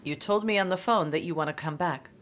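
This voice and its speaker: An actress playing a middle-aged family matriarch, remorseful but firm, in a TV drama. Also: female voice, lowish voice, brisk, slight background noise, close to an everyday voice. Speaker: actor. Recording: music behind the voice.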